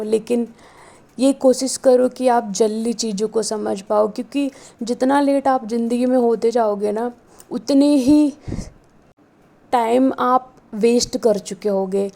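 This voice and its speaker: A woman's voice: fairly high pitch, creaky, dark tone. A pregnant woman vlogger and housewife giving an earnest motivational talk, pleading with her viewers and repeating herself for emphasis.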